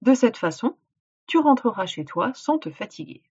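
A woman's voice: on the high side, sing-song, moderate pace, a little mellow, breathy edge, exaggerated voice. Woman reading as a kind, practical granddaughter. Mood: reassuring. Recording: dull lo-fi recording.

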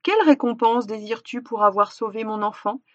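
A woman's voice: fairly high pitch, fairly even intonation, fairly quick, no room sound, close to an everyday voice. A woman reading a storybook, voicing a regal dragon king of the sea who speaks in stately, solemn tones. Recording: dull, dry recording.

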